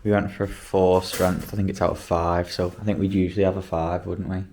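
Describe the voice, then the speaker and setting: Male vlog host, deep voice, easygoing home-kitchen chatter. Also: level tone, brisk, gravelly, darkish tone. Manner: chatty, upbeat commentary on food and training. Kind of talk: casual vlog narration.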